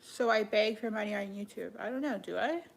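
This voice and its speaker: A young woman chatting casually on a live stream, answering viewers in an offhand way with many "like" fillers and soft, half-whispered asides. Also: medium pitch, a little fast, gravelly. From Canada. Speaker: livestreamer.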